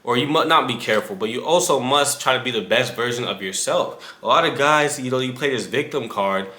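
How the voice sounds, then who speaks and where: Slangy young man, bright echoey voice. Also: mid-range voice, a little fast. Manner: slangy, talks straight to the viewer. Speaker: fitness creator. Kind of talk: casual advice vlog. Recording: echoey room.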